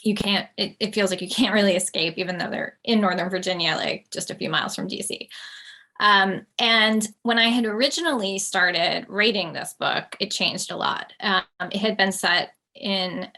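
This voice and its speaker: A woman's voice: medium pitch, moderate pace, pushed and bright. A woman author in a panel talk, chatting loosely with many fillers. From United States. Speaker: author guest. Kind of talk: panel discussion.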